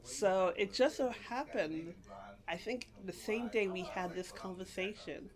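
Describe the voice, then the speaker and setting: Crowd noise sits behind a medium-pitched woman speaking at a measured pace. Middle-aged, from England and partly raised in Guyana, she rambles through her life story in a library oral history interview, with many restarts and laughs.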